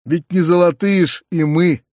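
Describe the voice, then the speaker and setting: A man voicing a kind, excitable middle-aged uncle who gushes, hurries and stammers. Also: high-pitched, moderate pace, dry recording, studio quality, natural voice. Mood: fretful.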